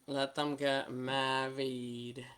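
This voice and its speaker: On a nail art livestream, a woman speaks with a very deep, smooth voice of fairly bright tone, very slow and with little pitch movement. Originally a Spanish speaker from New York, she has a Spanish-influenced New York accent and chats casually as she demonstrates, naming viewers and laughing often.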